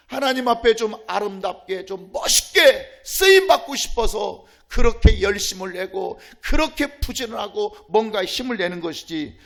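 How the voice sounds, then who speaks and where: A male pastor preaching a sermon, firing rhetorical questions at the congregation and swinging between loud and soft. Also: high voice, gravelly.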